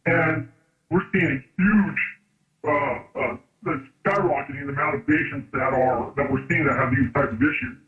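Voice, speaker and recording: A man speaking as a doctor, his voice run through a pitch-shifting voice changer to hide his identity. He calls in from the road and talks haltingly, with fillers and restarts. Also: steady tone. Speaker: doctor calling in as a guest. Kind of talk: remote interview. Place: in a vehicle on the road. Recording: tinny phone-like line.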